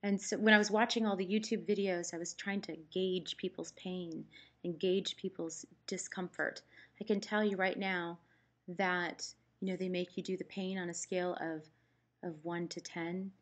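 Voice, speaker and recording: A woman's voice: lowish voice, fairly even intonation, moderate pace. A woman talking casually and candidly in a personal vlog, giving a health update in a chatty, matter-of-fact way. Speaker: vlogger giving a post-surgery update.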